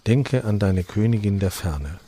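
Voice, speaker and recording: A serene divine queen of a distant realm speaks with calm, solemn tenderness, as a man voices her. The tone stays low, dark and a little husky. The storybook reading sounds close and dry. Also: measured pace. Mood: solemn tender.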